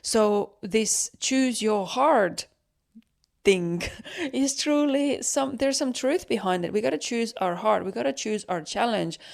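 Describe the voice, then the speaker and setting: A woman's voice: on the high side, animated, slow pace, gravelly, darkish tone. A woman hosting a solo motivational podcast, talking earnestly and encouragingly with lots of "like" and "um" fillers. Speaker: podcast host.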